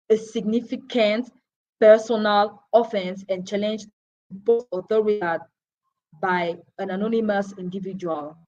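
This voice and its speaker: A woman giving a live Bible lesson, explaining in a measured way with pauses between phrases. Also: mid-range voice, darkish tone, highs cut off. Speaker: Bible teacher.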